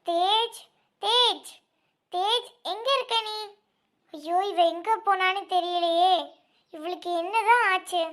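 Woman, high and bright, anxious amateur horror drama lead. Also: slow pace. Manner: anxious, exclaiming.

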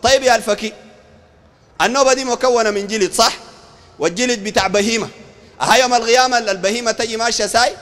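A man with a Sudanese Arabic accent preaching a street sermon, animated and throwing rhetorical questions at his listeners. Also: extremely high pitch, fast, pauses often, long reverb tail. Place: outdoor market.

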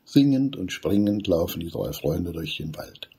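A man narrating a children's story, reading aloud with animated delivery. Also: sits low, a little slow, husky.

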